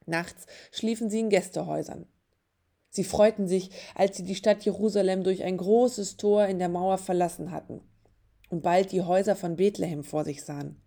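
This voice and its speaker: A woman narrating a children's Bible story in a gentle, clear storytelling manner. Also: on the low side, fairly even intonation, normal speed.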